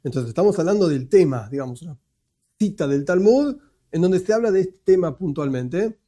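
A man's voice: high voice, animated, moderate pace, warm tone. A man with an Argentine Spanish accent giving a religious lecture with slides, methodical and explanatory, often correcting himself aloud. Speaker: religious teacher.

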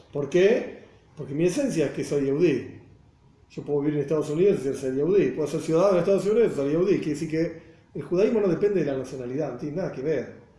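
A man's warm voice, on the high side, carries a Buenos Aires Spanish accent as this Argentine Torah teacher gives a religious class. His manner is explanatory; he asks rhetorical questions and checks that listeners keep up. A roomy echo surrounds the recording.

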